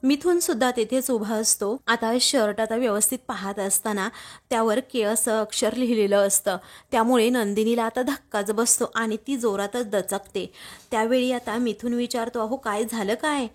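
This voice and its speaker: A woman's voice: on the high side, steady tone, normal speed. A young adult woman retelling a TV serial episode, voicing the characters' lines in a light acted tone. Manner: storytelling recap that reads out each character's lines in a light acted tone. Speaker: episode recap narrator.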